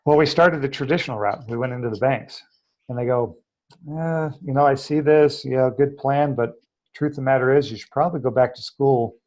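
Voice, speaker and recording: A man's voice: mid-range voice, brisk, a little mellow. A man guesting on an interview show, earnestly telling his story and acting out the voices of people he quotes. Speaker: interview guest, treatment center founder.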